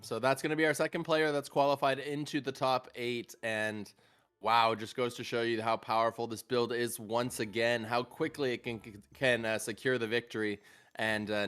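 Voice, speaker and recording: A man co-casting a live online game tournament, explaining plays in a measured way with frequent fillers. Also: mid-range voice, fairly even intonation, a bit bright, smooth. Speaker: esports co-caster. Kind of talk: live esports analysis.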